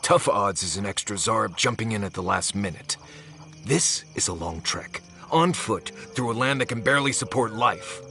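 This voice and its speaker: An actor playing a bitter, sarcastic adventurer companion in a fantasy video game, lashing out in scornful tirades. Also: male voice, fairly low pitch, lively intonation, moderate pace, pushed and bright. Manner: scornful, heated outbursts.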